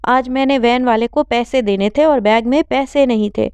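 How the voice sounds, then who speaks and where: A woman's voice: a little high, expressive, a little mellow, clean tone, no echo. A woman voicing a hard-working young woman student, an older sister who accuses in a heated way. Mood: angry.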